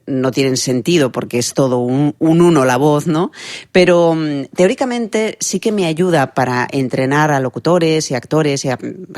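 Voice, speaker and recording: A woman voice expert from Spain, explaining her method in a lively, teacherly way during a remote interview. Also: low voice, dry recording, clean studio sound. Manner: didactic, lively, builds explanations with analogies. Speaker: guest voice expert.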